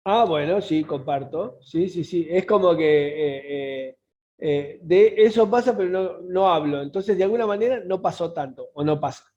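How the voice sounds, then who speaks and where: A man's voice: high-pitched, normal speed, dark tone. A man, co-hosting a casual podcast and reasoning through his points step by step. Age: 50s. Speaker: podcast co-host. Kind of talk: casual conversation. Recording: dull lo-fi sound.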